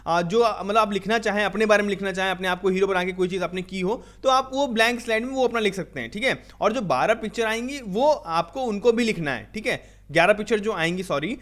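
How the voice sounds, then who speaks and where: A man's voice: high-pitched, fast, a bit bright. A man from India coaching viewers for an exam, talking through slides in Hindi mixed with English. He explains step by step and ends many lines with "theek hai".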